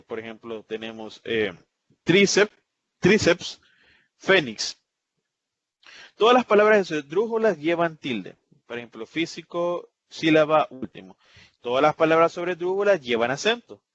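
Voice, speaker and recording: A man's voice: on the high side, a bit bright, no room sound. A man, a tutor giving an online spelling lesson, listing examples and checking in with "¿verdad?". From El Salvador. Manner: explanatory, lists examples, asks "¿verdad?". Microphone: video call. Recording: dull lo-fi video call audio.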